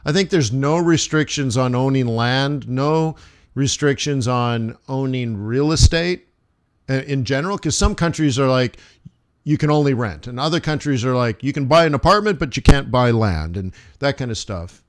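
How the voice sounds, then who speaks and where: A man's voice: medium pitch, normal speed. Rambling, chummy male livestream host. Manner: rambling, loose and chummy, many restarts. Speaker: forex trader hosting a live stream. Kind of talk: casual livestream chat answering viewers.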